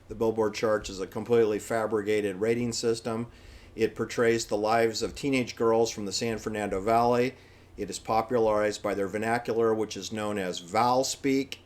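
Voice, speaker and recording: A man with an American accent delivers an opinionated, improvised monologue, making blunt, dismissive assertions and repeating phrases for stress. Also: lowish voice. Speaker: solo commentator.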